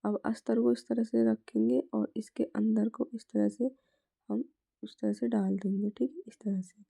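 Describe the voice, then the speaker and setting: A woman with a hoarse, sore throat, teaching a step-by-step sewing tutorial and repeating her stock phrases as she works. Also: mid-range voice, level tone, unhurried, mellow. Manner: repeats "is tarah se" and "theek hai" constantly; drops to a whisper at times.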